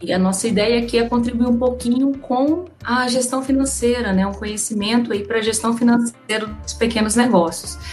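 A woman's voice: on the high side, fairly even intonation, a little fast, hardly any pauses, a little mellow, faint music behind. A woman from Goiânia, an economist guest explaining finances in a conversational way, often adding little tag words. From Goiânia, Brazil. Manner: conversational, frequent "né" and "então, assim". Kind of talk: explanatory interview talk.

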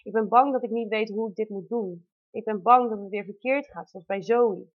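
In her thirties, a woman reads out a heartfelt personal letter about giving birth, tender and intimate as she shares her story as a mother. Her voice sits at medium pitch with a moderate pace, and the recording is dull and lo-fi.

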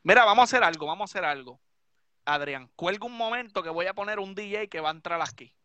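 A man's voice: high-pitched, expressive, fast, pushed and bright, clear, resonant tone, no echo. A Puerto Rican man, a DJ hosting a live stream, ranting drunk and swearing heavily. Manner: profane, heated, repetitive ranting.

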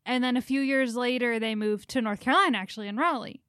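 A woman's voice: fairly high pitch, fast talker, a bit bright, dry recording, clean studio sound. A woman co-hosting a podcast, chatty and telling family anecdotes in casual talk. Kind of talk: casual chat.

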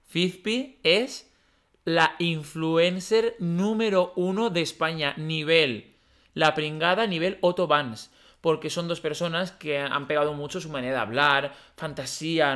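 Animated young man co-hosting a podcast. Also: a little high. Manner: animated, laughing, jokey. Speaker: podcast co-host. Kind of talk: casual chat.

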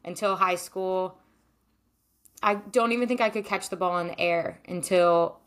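A woman's voice: lowish voice, measured pace. Chatty young woman, lots of likes. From Maryland. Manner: chatty, many likes and ums, laughs often. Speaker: podcast guest, former goalkeeper. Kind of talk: casual interview answers.

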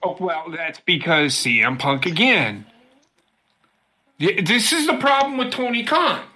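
A woman's voice: on the low side, sing-song, a little slow, pushed and bright. A woman co-hosting a podcast, ranting heatedly and swearing freely in casual chat. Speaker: podcast co-host.

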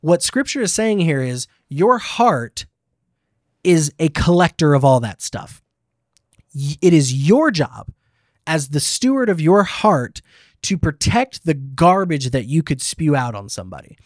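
Male podcast host, conversational and emphatic, slightly high pitch, very dry close sound. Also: sing-song, unhurried, no room sound. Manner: conversational, emphatic, many fillers and restarts. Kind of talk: casual faith discussion.

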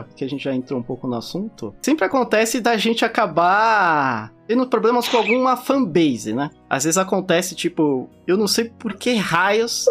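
A man from Brazil with a Brazilian accent, hosting a podcast in easygoing, slangy conversation. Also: high-pitched. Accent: Brazilian Portuguese. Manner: easygoing, conversational, uses slang like "mano" and "tá ligado". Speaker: podcast host.

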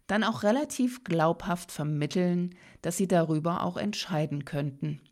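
Woman, low-pitched spiritual teacher, slow and deliberate delivery. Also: gravelly. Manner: slow, calm, addresses the listener directly. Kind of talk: scripted spiritual talk.

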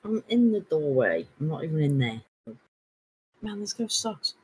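Raspy, animated man. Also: on the high side, normal speed, rough recording. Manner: animated, jumpy, teasing. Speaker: podcast guest. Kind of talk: casual gaming chat.

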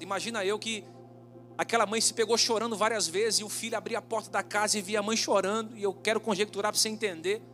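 High-voiced male pastor telling a dramatic story. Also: sharp tone. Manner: dramatic storytelling, slowing down for emphasis. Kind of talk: sermon.

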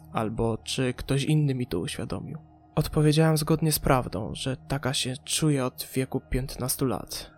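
A man's voice: medium pitch, close to an everyday voice. A man voicing a haunted forty-year-old woman recalling her time in an asylum, in an audiobook. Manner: withdrawn, pained recollection.

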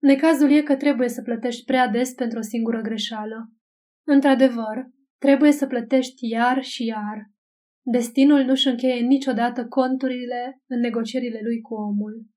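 Mellow-voiced woman narrating a novel. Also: a little high, fairly even intonation. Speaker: audiobook narrator. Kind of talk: scripted literary narration.

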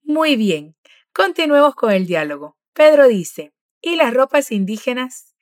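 Woman, encouraging pronunciation teacher, slow clear drills, dry close sound. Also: a little high, sing-song, no echo. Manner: patient, encouraging, models words slowly. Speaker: language teacher.

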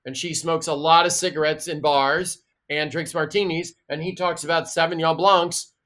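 A man, a guest expert, explaining in a lively and chatty way with stories and asides. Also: on the high side, normal speed. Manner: animated storyteller, chatty asides. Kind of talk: casual explaining in an interview.

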